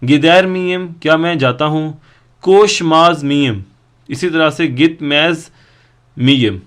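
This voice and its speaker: A man teaching a language lesson, patiently explaining grammar and drilling word forms slowly one at a time. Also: fairly high pitch, fairly bright tone, clean tone. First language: Urdu.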